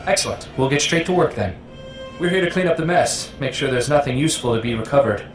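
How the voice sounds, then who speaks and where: Actor as a brisk cleanup squad leader. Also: male voice, medium pitch, lively intonation, lightly acted. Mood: brisk, appreciative. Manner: brisk, businesslike. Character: brisk, friendly male intelligence squad leader. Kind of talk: video game voice acting. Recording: roomy echo, faint music.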